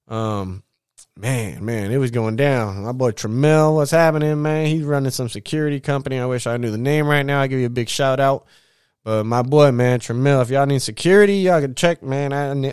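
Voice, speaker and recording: Laid-back slangy man, smooth dry voice. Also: mid-range voice, no room sound. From Southern California. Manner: laid-back, slangy, profane, lots of shout-outs. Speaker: vlogger. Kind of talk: casual storytelling monologue.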